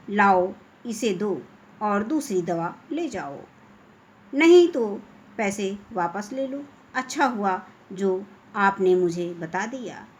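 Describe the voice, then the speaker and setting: A woman's voice: medium pitch, slight background noise. A woman voicing an arrogant village shopkeeper in a children's story. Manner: haughty.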